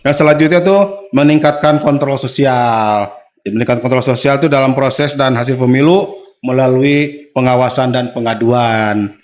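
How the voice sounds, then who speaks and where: A man in his forties, a guest official on a podcast, explaining things step by step in a relaxed way and often agreeing with short replies. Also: mid-range voice, normal speed. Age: 40s. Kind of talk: casual podcast conversation.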